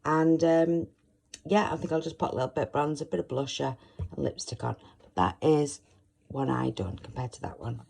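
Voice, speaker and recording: A woman hosting a step-by-step makeup tutorial, talking in a soft, chatty way as she demonstrates, with a croaky voice. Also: deep voice, normal speed, slight background noise.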